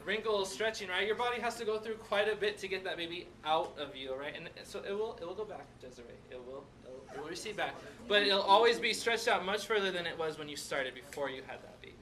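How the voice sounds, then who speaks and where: A man teaching a classroom demonstration, animated and often checking in with "right?" and "okay?". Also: sits high, fast talker, hardly any pauses. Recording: distant camera mic, noisy room.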